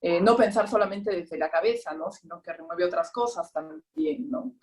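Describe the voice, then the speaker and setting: A woman's voice: mid-range voice, lively intonation, moderate pace. A woman from Peru giving a reflective comment in a discussion, often adding a questioning tag. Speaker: discussion participant. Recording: voice distant from the mic.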